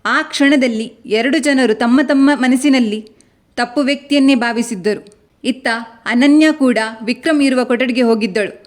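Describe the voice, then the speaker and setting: A woman reading a dramatic family story as scripted narration, at an even, unhurried pace, voicing the characters' lines in her own voice. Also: high voice.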